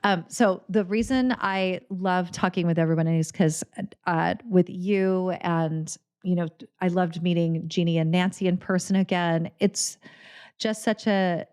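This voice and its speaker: A woman's voice: lowish voice, fairly even intonation, a little slow, a little mellow, clear, resonant tone. A woman hosting a podcast, talking casually with a friend, chatty with frequent restarts and laughter. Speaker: podcast host. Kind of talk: casual chat.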